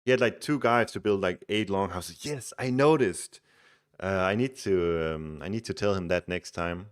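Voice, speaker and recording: On a live stream, a Danish man with a low, smooth voice talks at a moderate pace, coaching a game player and chatting easily with viewers. His Danish accent comes through, and he's relaxed and talkative, frequently restarting words.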